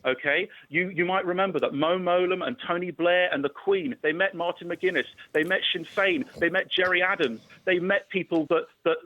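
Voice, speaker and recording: A man's voice: high voice, normal speed, hardly any pauses, dry recording. A man calling in to a radio show over the phone, arguing his point insistently and stumbling over repeated words. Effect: heard over a phone line on a radio show. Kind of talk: heated phone-in debate. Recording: tinny dry phone line.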